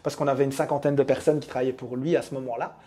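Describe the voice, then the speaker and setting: A man's voice: medium pitch, level tone, warm tone. A man in his thirties from Belgium, a coach talking candidly as a guest in a casual interview. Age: 30s. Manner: candid, confiding, fast.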